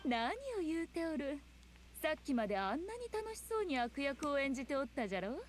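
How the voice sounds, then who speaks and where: High-voiced, regal teasing shrine spirit. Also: female voice, sing-song, brisk, a little hiss or hum. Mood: amused, haughty. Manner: haughty, composed, archaic noblewoman phrasing. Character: regal, teasing female fox shrine spirit, archaic speech. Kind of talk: video game voice acting.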